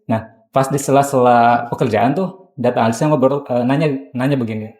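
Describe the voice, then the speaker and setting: A man's voice: mid-range voice, brisk, a little mellow, roomy sound. Hesitant man in his thirties. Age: 30s. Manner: hesitant, many fillers. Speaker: guest. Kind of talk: casual podcast chat.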